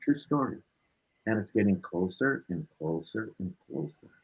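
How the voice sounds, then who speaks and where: This is a gravelly, slightly rough, lowish male voice at a normal speed, heard through a rough recording. As a guest on an interview, the blues musician relaxes into personal stories, animatedly acting out dialogue and ending phrases with "right?".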